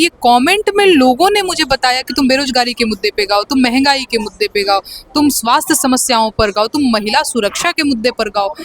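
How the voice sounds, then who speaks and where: A woman's voice: high-pitched, a bit bright. A young woman, answering interview questions earnestly and with hesitant fillers, growing sharper when indignant. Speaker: interview guest, folk singer.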